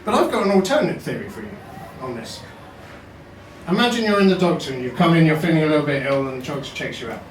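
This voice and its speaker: A man's voice: a little high, expressive, quick pace, distant mic, a little hiss or hum. Man doing stand-up in an echoey basement. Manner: wry, self-deprecating storytelling. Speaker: stand-up science comedian. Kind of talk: stand-up comedy set. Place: basement comedy venue. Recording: roomy echo, mic heard from afar.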